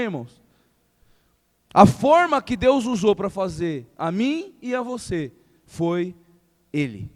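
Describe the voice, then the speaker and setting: A male pastor, preaching a lively sermon that acts out everyday speech and builds to emphatic questions. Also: high voice. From Brazil. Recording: long hall reverb.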